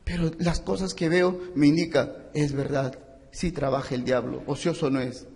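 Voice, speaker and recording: High gravelly Peruvian preacher in a hall. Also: male voice, fairly even intonation. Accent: Peruvian Spanish. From Peru. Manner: swings from hushed, slow pleading to loud, high-pitched retelling. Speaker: pastor. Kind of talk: sermon.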